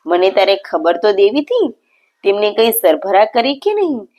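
A woman's voice: mid-range voice, sing-song, normal speed, darkish tone. A woman voicing a village husband, surprised and questioning.

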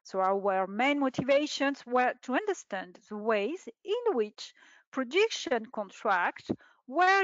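A woman's voice: on the high side, a bit bright, dry recording. Woman giving a formal webinar talk. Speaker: researcher presenting at a webinar. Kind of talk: reading a prepared presentation. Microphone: video call webcam. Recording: dull lo-fi webinar audio.

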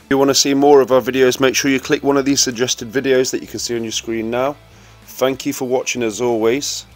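A man giving a steady, instructive voice-over for a welding tutorial and talking straight to viewers. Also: mid-range voice, fairly quick, soft background music.

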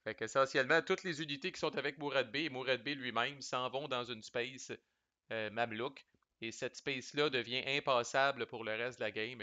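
Québécois male reviewer, bright and forceful delivery, chatty and slangy, dry slightly muffled recording. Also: on the low side, no room sound. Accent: Québécois French. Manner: chatty, loose, sprinkles English game terms and salty slang. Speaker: board game reviewer. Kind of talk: casual explanatory commentary.

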